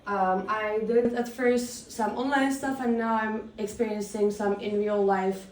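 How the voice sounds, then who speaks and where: A woman's voice: medium pitch, fairly even intonation, a little slow, a little mellow. A woman from Turkey speaking to an audience, hesitant with many ums, then reading a personal story. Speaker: event speaker. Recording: echoey room, from far off, faint noise.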